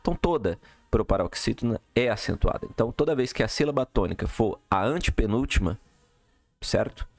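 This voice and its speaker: A man with a lowish voice explains a lesson step by step and keeps checking in with the listener. His voice is recorded close and dry, with no room sound. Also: expressive, brisk, vocal fry, darkish tone, dry recording. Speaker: teacher. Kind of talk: recorded lesson correcting exercises.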